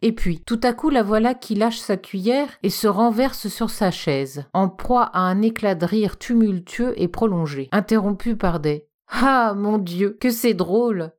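A woman narrating a literary story in a measured, expressive storytelling manner. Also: medium pitch.

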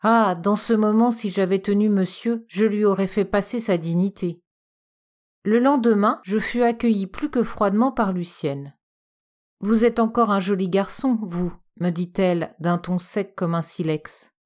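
A woman narrating a literary story in a measured, expressive storytelling manner. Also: mid-range voice.

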